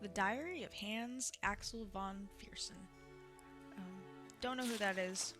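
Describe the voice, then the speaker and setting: A woman streams a video game in casual commentary, with a chatty, sing-songy way of talking. She keeps talking to her chat as she plays. Her pitch sits mid-range, and clear game music runs underneath. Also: unhurried.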